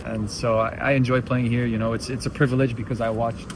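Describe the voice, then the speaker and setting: A man's voice: mid-range voice, little pitch movement, fast. A young man from Belgium, a professional footballer, answering post-match interview questions thoughtfully with many restarts. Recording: noisy outdoor stadium interview.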